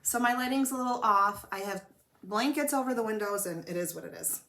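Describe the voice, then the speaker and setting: A woman's voice: medium pitch, brisk, sharp tone. A woman hosting a home stitching show, chatting casually and rambling a little while she fights a cold. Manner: chatty, rambling, self-deprecating. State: coughing from a cold. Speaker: flosstube host. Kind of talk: casual show-and-tell chat. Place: home room with blanketed windows.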